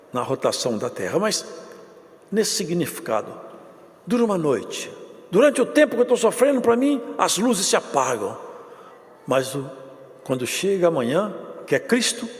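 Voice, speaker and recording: A man preaching a sermon, swinging between loud declarations and low hushed passages. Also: gravelly, in a large hall. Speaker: pastor.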